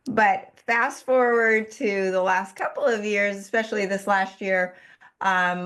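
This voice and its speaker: A woman in her forties speaks as a podcast guest, recounting a personal story with earnest, animated energy. She restarts her sentences often, and her voice sits at an ordinary middle pitch for a woman. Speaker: podcast guest, health advocate.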